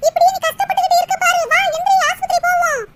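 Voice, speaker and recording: A woman's voice: extremely high pitch, little pitch movement, rapid-fire. A woman voicing a fussy old village mother-in-law in a cartoon, scolding and lamenting in a sing-song way. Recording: loud constant noise with clicks.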